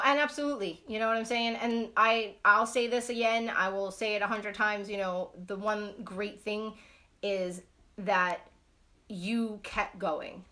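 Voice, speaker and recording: A woman chats on a live stream, blunt and foul-mouthed, rambling through endless fillers. Her voice has a bright, sharp edge. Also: medium pitch. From Brooklyn, New York. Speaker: knitting live-stream host. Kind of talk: casual live-stream chat.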